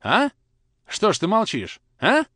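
Harsh strict father, as a man puts him on, scolding in high, loud bursts. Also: wildly swooping pitch, measured pace, no room sound, clean studio sound, full character voice. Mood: angry. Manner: scolding, repetitive.

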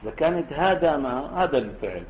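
A man's voice: on the high side, lively intonation, a little fast. Male teacher, lecture style, asks and answers his own questions; raised voice, narrow tinny recording. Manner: explanatory, rhetorical questions to students. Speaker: Islamic scholar teaching a text. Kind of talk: classroom lesson explaining a classical text.

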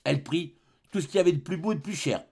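A man's voice: a little high, quick pace, creaky, husky. A man reading a classic novel aloud as a volunteer audiobook narrator, telling it expressively. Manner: expressive storytelling. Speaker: audiobook reader. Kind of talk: scripted narration.

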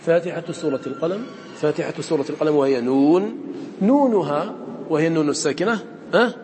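A male teacher giving a classroom lesson, quizzing his students and slowly drawing out the lines he quotes. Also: fairly high pitch, a little mellow, long reverb tail, slight background noise.

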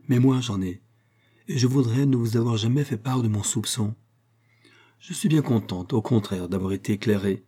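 A man's voice: medium pitch, moderate pace, warm tone, husky, lightly acted. A man voicing a clever young woman who speaks in a confiding, lightly mocking murmur. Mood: knowing. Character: clever, teasing young woman, sharp observer.

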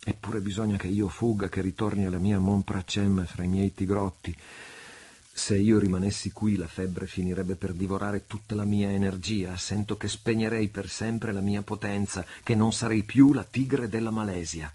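A man's voice: on the low side, fairly even intonation, normal speed, warm tone, slightly rough. A man voicing a passionate, tormented male pirate chief in an audiobook, with fervent, desperate outbursts. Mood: anguished.

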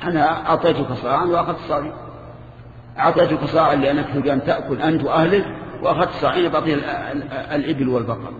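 A man's voice: fairly high pitch, background noise. Older man lecturing in an echoey hall. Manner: conversational, with halting restarts and questions to the audience. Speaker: Islamic scholar teaching a lesson. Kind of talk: religious lecture with questions from students. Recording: echoey hall, muffled lo-fi archive tape.

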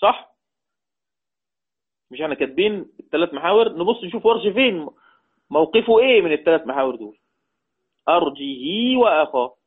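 Man, Egyptian Arabic accent, Quran teacher, quizzes the class, chants readings slowly, tinny phone-line sound. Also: high-pitched, very animated, husky.

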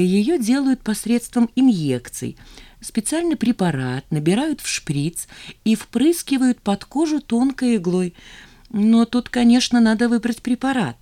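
A woman reader voicing a poised expert woman who explains procedures softly. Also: medium pitch, big pitch swings, unhurried, pitched above the performer's own voice. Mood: explaining. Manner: explanatory, soft.

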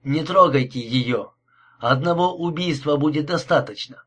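A desperate young man pleads urgently, as a male audiobook reader voices him. The voice is husky and a little high. It stays close to the reader's own sound. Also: normal speed, fairly bright tone.

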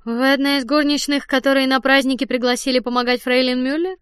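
A woman voicing a stern, intimidating male hotel director who speaks slowly and deliberately. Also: high-pitched, steady tone, a bit bright, clean tone, no room sound, clean studio sound, voice pushed up. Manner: slow, deliberate and clipped. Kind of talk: audiobook character voice.

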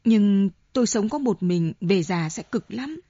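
A woman voicing a timid old country man who asks halting, shaky questions, on a dull lo-fi audiobook recording. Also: mid-range voice, expressive, warm tone, no room sound. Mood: shaken.

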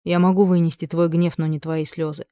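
Brief: soft-spoken noble dragon lord, tender and wry, mellow and dry, read by a woman narrator. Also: little pitch movement, brisk, clear, resonant tone, dry recording, lightly acted. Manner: low, hushed and soft-spoken.

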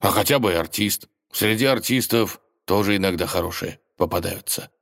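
Male reader as chatty, fretful wolf sidekick, low-ish, hesitant. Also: vocal fry, fairly bright tone. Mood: evasive. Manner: fretful, rambling, slow.

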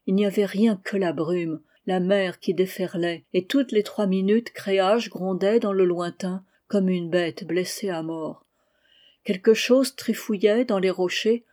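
Female audiobook reader, mellow and warm, steady literary narration. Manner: steady reading, louder and higher for quoted cries. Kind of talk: scripted narration of a novel.

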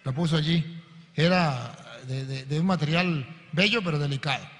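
Lively high-voiced preacher man in a hall. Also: moderate pace. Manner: animated storyteller acting out voices. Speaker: priest. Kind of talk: sermon with told story.

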